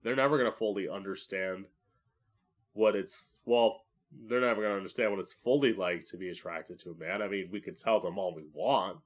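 A man's voice: low voice, fairly quick. A man who hosts a podcast as a drag queen, rambling solo in a campy, profane, self-mocking way. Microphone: podcast microphone, live streamed.

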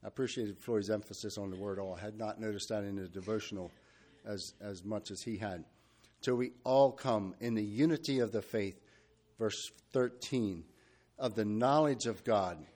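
A man preaching a sermon, talking freely with fillers and restarts, and reading scripture in a steady measured cadence. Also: lowish voice. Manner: unscripted and searching, with restarts and fillers.

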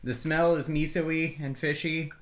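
A man's voice: a little high, steady tone, unhurried, crowd noise. A middle-aged man hosting a casual snack-tasting video with his kids, chatty and upbeat, laughing often and coaxing them along.

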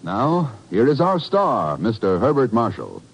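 A man's voice: medium pitch, huge pitch swings, measured pace, low-quality recording. A man announcing a program in scripted 1950s radio style. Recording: old radio recording over loud music. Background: loud music.

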